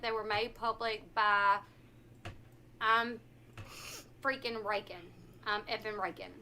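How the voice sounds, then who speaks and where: Woman, bright forceful higher voice, casual livestream storytelling while washing dishes, clear background noise. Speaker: streamer. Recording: noisy livestream, dishwashing in the room.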